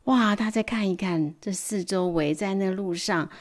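A woman reading a picture book aloud to children, animated, with playful sound words and hushed asides. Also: mid-range voice, normal speed. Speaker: storyteller. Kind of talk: storybook read-aloud for children.

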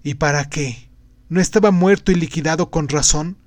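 A man's voice: fairly high pitch, normal speed, a little mellow, no room sound, lightly acted. A man reading aloud and voicing a grave, fervent male prophet-sage in a declamatory way. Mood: questioning. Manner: declamatory, exhorting. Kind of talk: audiobook reading.

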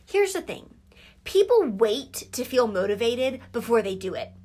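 A woman's voice: on the high side, very animated, unhurried, darkish tone. A young woman hosting a casual motivational solo podcast from a closet, speaking informally and emphatically and repeating phrases to drive points home. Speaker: podcast host and nutrition coach.

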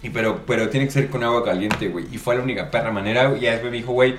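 A young man with a Mexican accent telling a story in casual chat, animated and full of slang. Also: mid-range voice, very fast, over music. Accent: Mexican Spanish. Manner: animated, laughing, slangy storytelling with shouted reenactments. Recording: echoey room.

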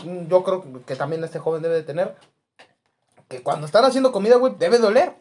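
A man's voice: high-pitched, lively intonation, a little fast, darkish tone, a little hiss or hum. A young man with a Mexican accent, chatting on a podcast and insisting on his point, repeating himself for emphasis. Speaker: podcast co-host. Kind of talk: casual chat.

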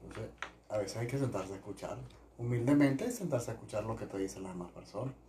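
A man giving his opinions conversationally as a guest, haltingly, repeating words as he reasons. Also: lowish voice, lively intonation, dark tone, slight background noise. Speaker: family guest.

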